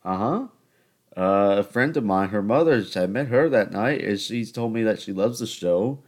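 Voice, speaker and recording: With a fairly low, lively voice at a moderate pace, a young Charleston man hosts his own podcast. His accent carries a New York tinge, and he rambles through jokey, self-deprecating tales of his week.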